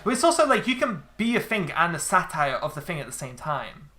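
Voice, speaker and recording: Bright-voiced chatty woman streamer. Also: fairly low pitch, sing-song, brisk. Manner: chatty, swears freely, lots of fillers. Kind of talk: casual chat while gaming.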